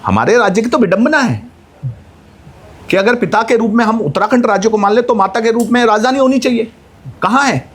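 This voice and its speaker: A man's voice: high-pitched, animated, brisk, fairly bright tone, slight background noise. Impassioned man making a rousing appeal. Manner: rousing, rhetorical, rising to emphatic peaks. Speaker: activist guest. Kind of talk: impassioned interview speech.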